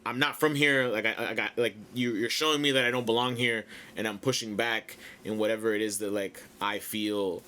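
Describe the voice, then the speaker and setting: Thoughtful bright-voiced man, lots of "like". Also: on the low side, fairly even intonation, moderate pace. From United States. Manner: reflective, heavy use of "like" fillers. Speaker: podcast co-host. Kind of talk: casual chat.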